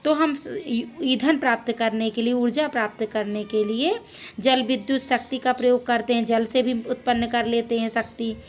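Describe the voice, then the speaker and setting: A woman's voice: on the high side, fairly even intonation, moderate pace. A woman teacher explaining a school geography lesson, reading each question and answer and then repeating it in simple words.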